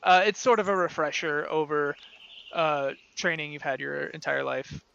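A man narrating a tabletop game as game master, describing scenes in a relaxed way full of fillers, on a slightly dull lo-fi recording. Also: fairly high pitch, moderate pace, vocal fry, slight background noise.

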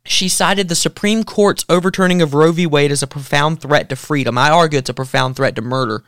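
A man hosting a talk show, giving casual, joking political commentary in an animated way. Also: on the high side, smooth, dry recording, studio quality. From American South. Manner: animated, joking, quick to mock.

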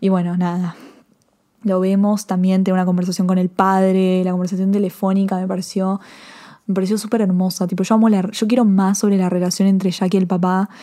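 A woman with an Argentine accent casually reviewing a TV episode, rambling and excitable, full of fillers and restarts. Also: mid-range voice, brisk. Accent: Argentine Spanish. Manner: excitable, emotional. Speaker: TV series reviewer.

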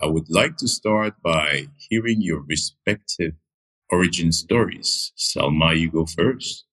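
A man's voice: low voice, measured pace, fairly bright tone. A man hosting a podcast interview, speaking formally with some fillers. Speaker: podcast host.

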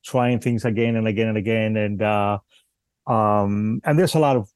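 A man's voice: lowish voice, fairly even intonation, normal speed, darkish tone, clear, resonant tone, dry recording. A man born in Cuba and raised in Spain, a guest bonsai artist talking casually with many restarts. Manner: hesitant, many restarts, laughs easily. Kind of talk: casual interview chat.

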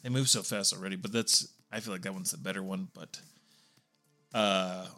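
A man's voice: low voice, steady tone, moderate pace, bright, forceful tone, soft background music. A man hosting a casual gaming podcast, giving dry, joking short replies. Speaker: podcast host.

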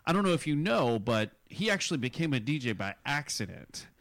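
A man's voice: mid-range voice, very animated, a little fast, fairly bright tone, no room sound. A man with a casual, chatty way of telling anecdotes.

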